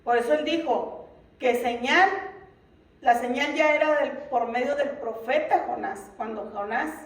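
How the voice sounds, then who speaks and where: A middle-aged woman, a Bible teacher in a church ministry, gives an earnest Bible lesson to a congregation, full of rhetorical questions. Her voice is high-pitched and unhurried, picked up by a distant mic with a roomy echo.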